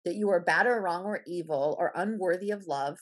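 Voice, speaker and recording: A woman's voice: on the low side, brisk. A woman guest in a casual podcast interview, blunt and emphatic, who swears freely.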